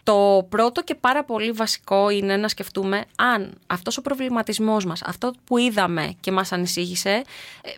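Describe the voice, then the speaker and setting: A woman co-hosting a podcast as a learning specialist, explaining things in a measured, orderly way. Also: mid-range voice. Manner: explanatory, measured, lays out points in lists. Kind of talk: casual podcast conversation.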